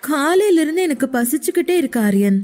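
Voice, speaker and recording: A woman's voice: sits high, expressive, brisk, darkish tone, pitched above the performer's own voice. A woman voicing a sulky, childlike young woman who whines and pleads in an audio story. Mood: eager. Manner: whiny, pleading.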